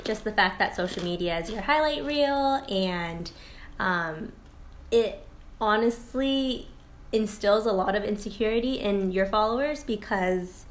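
A young woman co-hosting a casual podcast, relaxed and chatty, laughing often. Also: medium pitch, unhurried. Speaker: podcast co-host. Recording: faint background noise.

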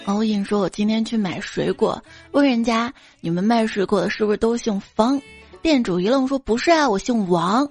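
Playful high-voiced woman reading jokes. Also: moderate pace, a little mellow, husky, soft background music. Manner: playful, acts out quoted voices. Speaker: radio show host.

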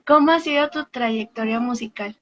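A woman's voice: on the high side, moderate pace, slight background noise. A woman interviewer asking casual questions, recorded with a slightly dull, lo-fi sound.

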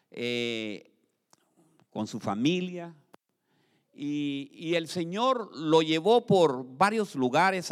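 A man preaching a sermon in a church, moving between loud exclamations and soft asides, and asking the congregation to repeat his phrases. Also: on the high side. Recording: long hall reverb.

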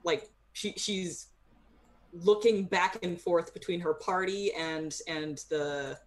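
A woman player describes her character's actions in a tabletop game. Her voice is on the low side, and she talks very slowly and haltingly. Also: fairly even intonation.

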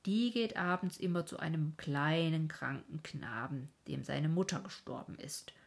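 A woman voicing a kindly, somewhat fussy old King of Dreams in a storybook reading, speaking warmly and patiently with a breathy voice. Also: low voice, a little slow, full character voice.

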